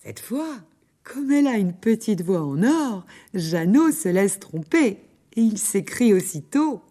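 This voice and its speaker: A woman narrating a children's story aloud in an expressive, dramatic way. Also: medium pitch, measured pace.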